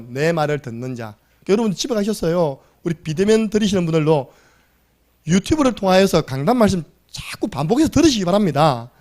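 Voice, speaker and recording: Animated, high-voiced male pastor preaching. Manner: emphatic, exclamatory preaching with rhetorical questions. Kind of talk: sermon. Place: church sanctuary.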